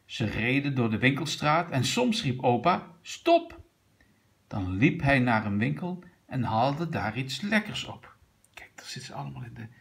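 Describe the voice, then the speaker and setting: A man reading a children's picture book aloud to a young child, gently pointing out what is in the pictures. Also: mid-range voice, gravelly. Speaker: reader of a children's story.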